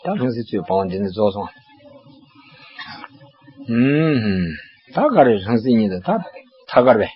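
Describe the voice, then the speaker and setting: A man's voice: on the low side, very animated, moderate pace, pauses often. An older man giving a religious teaching, explaining at length and checking in with rhetorical questions. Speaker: monastic teacher. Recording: dull lo-fi recording with faint background hiss.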